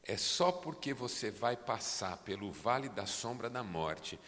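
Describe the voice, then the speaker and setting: A Brazilian man preaching a fervent sermon as pastor, building to near-shouts, in a church. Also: on the low side, animated, measured pace, long reverb tail. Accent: Brazilian Portuguese.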